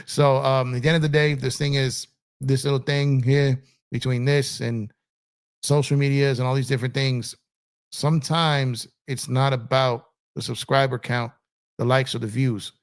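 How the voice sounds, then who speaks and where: This livestream host's voice is medium-pitched and smooth, delivered flatly at a measured pace from a gaming chair setup. He rambles through casual chat and viewer comments, repeating himself and using many fillers.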